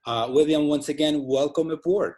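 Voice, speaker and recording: A man's voice: fairly high pitch, normal speed, warm tone. A man with an Albanian accent hosting an interview over a video call, speaking formally and carefully with frequent hesitations. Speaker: interview host. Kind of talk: semi-formal hosted interview.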